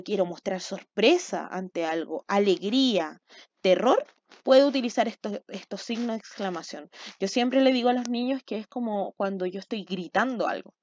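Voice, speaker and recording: A woman's voice: on the high side, darkish tone, dry recording. Patient Chilean woman teaching children. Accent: Chilean Spanish. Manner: patient, checks understanding with frequent "¿ya?". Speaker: primary school teacher. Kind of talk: recorded remote language lesson for children. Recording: dull, dry lo-fi home recording.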